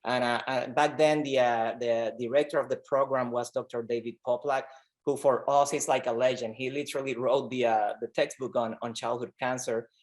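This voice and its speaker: A man from Rico, a doctor telling his story in an interview, earnest and halting, with many fillers and repeated words. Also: mid-range voice, fairly even intonation. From Puerto Rico. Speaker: pediatric oncologist guest. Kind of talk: conversational interview.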